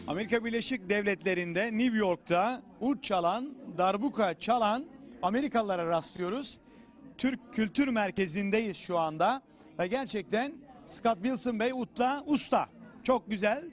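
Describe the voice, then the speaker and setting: A man's voice: sits high, normal speed. A young man, a native Turkish speaker, interviewing guests on location for television. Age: young adult. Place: indoor cultural center event rooms. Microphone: handheld microphone.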